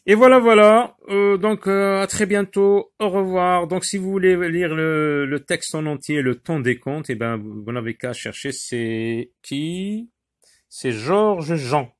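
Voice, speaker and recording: A man's voice: fairly high pitch, slow. Hesitant male teacher explaining poetry. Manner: hesitant, many fillers and restarts; explains with wordplay examples, lively emphasis. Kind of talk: recorded French lesson on poetry.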